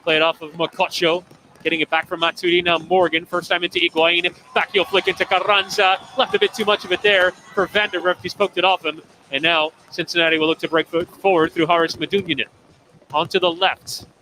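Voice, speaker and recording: A man calling a live soccer match play by play, describing the action in quick, steady commentary. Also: sits high, a little hiss or hum, low-quality recording. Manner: rapid descriptive calls, laughs easily.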